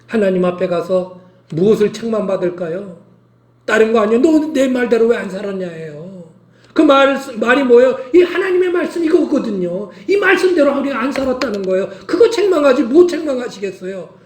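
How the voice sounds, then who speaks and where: Emphatic high-voiced pastor preaching. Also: male voice, lively intonation, fairly quick, darkish tone, roomy sound. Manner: emphatic, repeats calls to action. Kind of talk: sermon.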